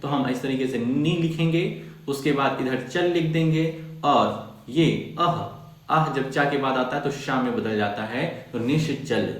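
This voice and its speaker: A man's voice: medium pitch, a little slow, very echoey. A man teaching a grammar lesson to schoolchildren, repeating key points and putting questions to the class.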